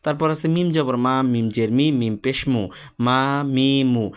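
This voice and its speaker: A young man teaching a recorded reading lesson, reciting letter sounds in a steady, patient drill for viewers to repeat. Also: medium pitch, slow, smooth.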